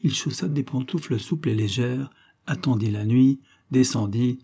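A man narrating a detective novel aloud in a measured storytelling manner. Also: mid-range voice, vocal fry, dark tone, breathy edge. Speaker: audiobook narrator. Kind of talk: scripted narration.

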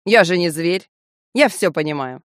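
A woman's voice: lowish voice, lively intonation, normal speed, no echo, clean studio sound, natural voice. A woman voicing a cruel male master of death who threatens and coaxes with false kindness. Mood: falsely gentle. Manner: menacing, coaxing with false kindness. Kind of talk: audiobook character voicing.

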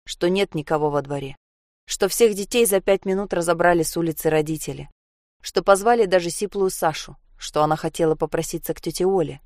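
A woman narrating a story in an even, measured reading. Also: lowish voice, no echo, clean studio sound.

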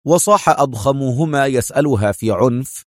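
A man's voice: mid-range voice, expressive, normal speed, no room sound, clean studio sound. A man narrating an action thriller audiobook in a vivid storytelling manner.

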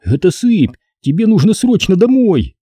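A man's voice: high-pitched, very animated, unhurried, dark tone, husky, dry recording, studio quality, voice pushed up, heavily acted. A man voicing a jumpy young boy who gets flustered and indignant in a storybook reading. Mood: alarmed.

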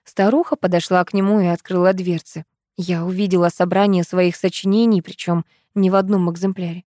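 A woman narrating an audiobook in an expressive storytelling style. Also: on the low side, brisk, no room sound, studio quality.

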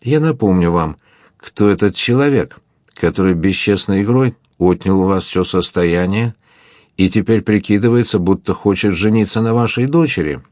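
Man reading as calm, stern young buccaneer. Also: on the low side, normal speed, dry recording, clean studio sound, close to an everyday voice. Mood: calm firm. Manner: calm, unshakable.

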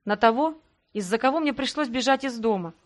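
Female audiobook narrator, dramatic first-person reading, slightly high voice. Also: animated, brisk.

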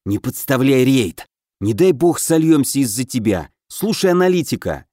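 A man reading the part of a quick-tempered young raid leader, shouting commands at his team in a higher, louder voice. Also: very animated, no room sound, clean studio sound. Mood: commanding urgent.

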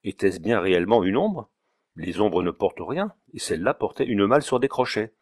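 Low-voiced man reading a story. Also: sing-song, brisk, a little mellow. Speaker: audiobook reader. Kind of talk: scripted narration.

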